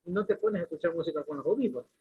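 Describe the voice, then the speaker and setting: Heard through a lo-fi, phone-like recording, this lecturer talks very fast and animatedly in a fairly high, husky voice. He often starts his sentences over and leans on questions and everyday examples to explain.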